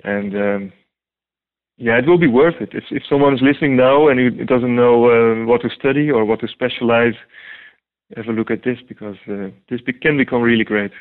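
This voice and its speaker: A man from the Netherlands, working as a guest translator, gives halting interview answers full of ums and restarts, his Dutch accent clear. He talks at normal speed in a mid-range voice through a tinny, phone-like connection.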